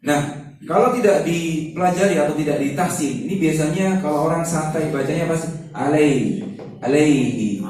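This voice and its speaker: A man with a voice hoarse from a cough, teaching an Islamic study session in an informal, interactive way as preacher and Quran recitation teacher. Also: on the high side, a little mellow. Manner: informal, interactive, often checking with listeners. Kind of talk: Islamic study lecture to a congregation. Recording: echoey hall, distant microphone.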